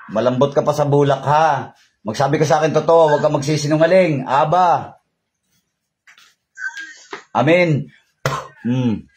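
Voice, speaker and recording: A man's voice: mid-range voice, darkish tone, slight background noise. A man leading a remote healing prayer over a call, chanting prayers and then questioning a spirit in a commanding voice, repeating his questions. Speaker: faith healer.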